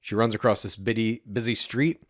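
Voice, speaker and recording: A man from Texas co-hosting a comedy podcast, telling stories in a deadpan, matter-of-fact way. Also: on the low side, brisk, dry recording, clean studio sound. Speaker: podcast co-host. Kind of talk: casual comedic chat.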